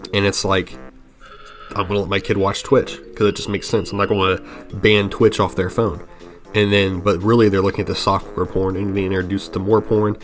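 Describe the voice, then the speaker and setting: A young man giving earnest opinion commentary over gameplay, rambling with frequent restarts. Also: low-pitched. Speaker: gaming commentary channel host. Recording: voice-over with faint music underneath.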